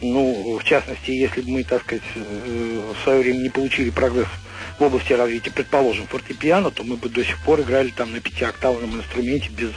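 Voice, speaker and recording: A male guest talks on a radio show by telephone in a discursive, explanatory, conversational style. His pitch is average, and faint music runs behind his voice. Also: fairly even intonation, quick pace, low-quality recording.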